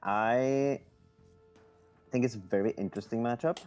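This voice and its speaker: A man co-commentating a strategy game match, relaxed and hesitant, with many fillers. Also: mid-range voice, normal speed. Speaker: co-caster. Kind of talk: esports commentary. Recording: faint game music behind.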